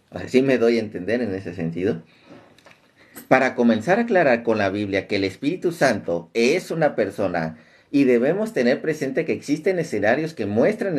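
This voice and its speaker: A man gives an unscripted teaching talk in a fairly low voice. He wanders between points, pausing on fillers and restarting his sentences. He keeps turning to the listeners to ask them to notice things. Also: a little mellow. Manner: digressive, thinks aloud with fillers and restarts; addresses listeners directly. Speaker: Bible teacher.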